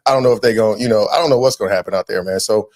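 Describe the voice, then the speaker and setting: Fast-talking animated podcast host, man. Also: fairly low pitch. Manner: animated storyteller, quick, slangy, says "man" a lot. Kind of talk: casual podcast chat.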